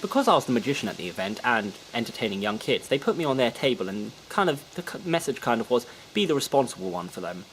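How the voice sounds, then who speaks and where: A man's voice: mid-range voice, fast, few pauses, slight background noise, poor audio. A man hosting a casual video journal, telling funny stories and acting out bits of dialogue. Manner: animated, acts out dialogue in voices. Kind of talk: casual storytelling vlog.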